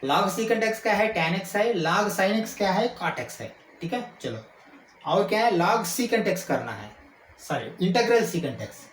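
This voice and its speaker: Male maths teacher, high voice, slow-paced explanations, roomy echo with faint background hum. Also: animated. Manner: checks in often with rhetorical questions; slows down to dictate formulas. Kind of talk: explaining calculus while writing. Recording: echoey room with faint ambient noise.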